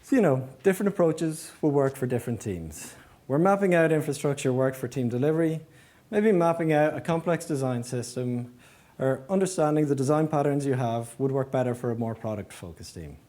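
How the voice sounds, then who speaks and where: An engineering manager gives a prepared, conference-style presentation in a mid-range, mellow voice, expressive and fairly quick. He walks through his points step by step and poses rhetorical questions along the way.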